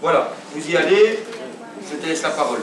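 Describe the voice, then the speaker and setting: A man's voice: fairly high pitch, animated, a little fast, reverberant, distant mic, a loud crowd, rough recording. A man coaching youth football, addressing a group of kids in a rambling way with many fillers. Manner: rambling, repeats himself with fillers.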